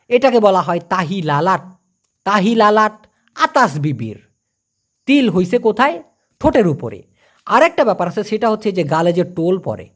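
Bangladeshi man, high-ish voice, casual teasing tutor who repeats phrases slowly. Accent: Bangladeshi Bengali. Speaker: language teacher. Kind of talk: casual spoken lesson.

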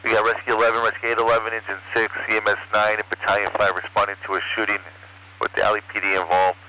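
A man's voice: on the low side, monotone, quick pace, pushed and bright, smooth, low-quality recording. A male fire dispatcher giving formulaic, procedural status reports over a fire department radio. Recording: fire radio scanner transmission.

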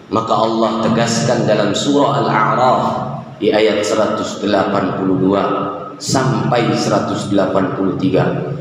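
A man in his thirties giving a Friday sermon, building repeated parallel phrases that rise for emphasis and chanting verses melodically. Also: medium pitch. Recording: echoey hall with faint hiss.

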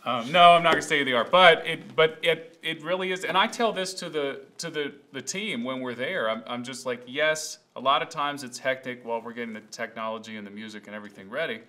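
A man's voice: mid-range voice, sharp tone. A man in his thirties, a pastor in casual chat, upbeat and asking questions to keep the talk moving. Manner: upbeat, quick to react, asks leading questions. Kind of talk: casual chat about a sermon. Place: wood-paneled studio, seated at a table.

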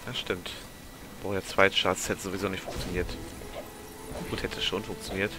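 A man's voice: deep voice, level tone, normal speed. A man giving casual gameplay commentary, muttering to himself and grumbling mildly as he plays. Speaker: let's player.

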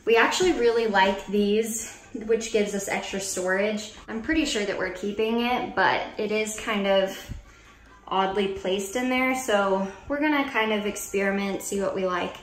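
An American woman in her twenties vlogs a house tour, holding a camera or phone at arm's length as she wanders through empty indoor rooms. She's chatty and informal, thinking aloud in a medium-pitched voice at a normal pace. The recording quality is low.

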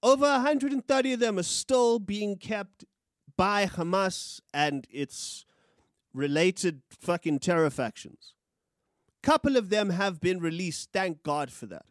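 A young South African podcast co-host delivers fast, heated opinions on the news, his voice sitting high and leaping around. He curses freely and gestures animatedly. Recorded on a boom studio mic with headphones in a small studio room, the sound is close, dry, and echo-free.

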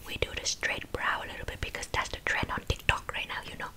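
A woman's voice: quick pace, natural voice. Woman's whispered role-play of a bossy, accented makeup artist. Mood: brisk, critical. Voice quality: breathy unvoiced whisper with wet mouth sounds. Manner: scolding, blunt, clipped phrasing. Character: bossy, blunt, insulting female makeup artist.

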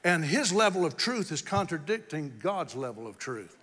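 A male pastor preaching an impassioned sermon, swinging between shouts and quick, quieter explanation. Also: on the high side, big pitch swings, breathy edge, big-room sound.

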